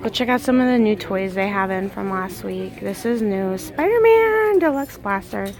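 A woman's voice: mid-range voice, lively intonation, moderate pace, darkish tone. A woman narrating a casual shopping vlog, gushing over cute finds as she films on a handheld phone in a large indoor store. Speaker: vlogger. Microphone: handheld phone camera. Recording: crowded store background.

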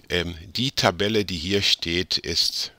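A man's voice: low-pitched, sharp tone, dry recording. A man tutoring in a casual grammar lesson, rambling a bit, correcting himself and joking about his own slips.

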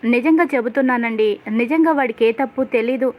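A woman's voice: on the high side, a little fast, a little mellow, lightly acted. A woman reading the lines of a loyal, hot-tempered young husband in a retold serial story.

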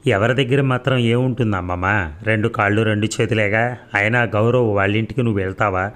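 A man's voice: fairly low pitch, brisk, fairly bright tone, natural voice. A man voicing a heartbroken young woman in an audio story, speaking in a tearful, pleading way.

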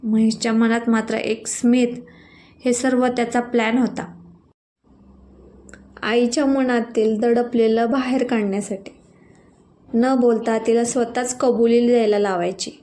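A woman tells an emotional family story in a gentle, expressive voice. Her fairly high voice gives the scripted reading a soft touch. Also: measured pace, long pauses. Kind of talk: scripted narration.

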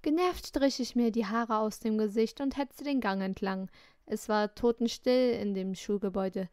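A woman reading a novel aloud in the first person, expressive and lively, voicing the heroine's own lines. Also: on the high side, normal speed, smooth, dry recording. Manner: lively, expressive, indignant in dialogue. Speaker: audiobook reader. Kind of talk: first-person audiobook narration.

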